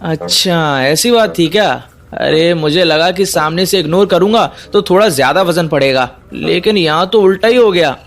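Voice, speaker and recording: A man's voice: fairly high pitch, normal speed, gravelly. An actor playing a flustered young man who keeps apologizing and defending himself in an audio drama. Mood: sheepish. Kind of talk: Hindi audio drama acting.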